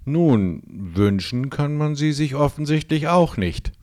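A man's voice: lowish voice, very animated, takes it slowly, a little mellow, exaggerated voice. A man playing a skeptical, sarcastic man. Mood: dry. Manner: distrustful, dry. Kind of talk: audiobook role reading.

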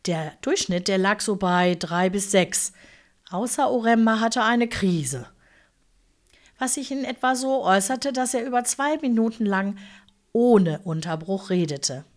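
A woman reading a story aloud in a lively, wry manner. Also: mid-range voice, a little slow. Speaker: narrator.

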